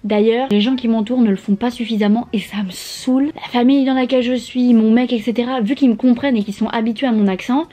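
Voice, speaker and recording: A woman's voice: a little high, warm tone. A young woman from France chatting casually in a vlog from her bedroom, slangy and playful, swearing freely, with asides. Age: young adult. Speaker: au pair vlogger. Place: bedroom, sprawled on her bed.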